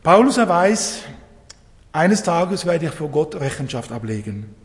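A man preaching a sermon, emphatic, asking rhetorical questions and dropping low and quiet for solemn points. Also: sing-song, a little slow, long reverb tail.

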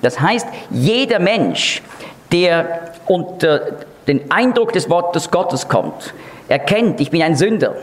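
A man's voice: on the high side, big pitch swings, slow. A man teaching an expository Bible lesson in an emphatic, explanatory way, leaning hard on key words.

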